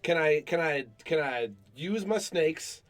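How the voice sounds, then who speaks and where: A man's voice: a little high, lively intonation, a little slow. A man playing a tabletop game, playful and hesitant as he talks. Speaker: player. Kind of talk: casual tabletop play.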